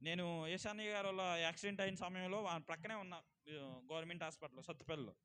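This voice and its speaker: A male pastor preaching a sermon, swinging from loud exclamations to quiet asides and asking the congregation questions. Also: sits high, fast talker, clean tone. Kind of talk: Telugu church sermon.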